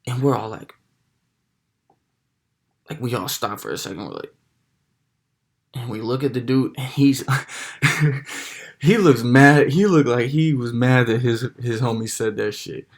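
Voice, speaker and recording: A young man telling a personal story in a casual, slang-heavy, animated way with lots of swearing. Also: medium pitch, normal speed, pauses often.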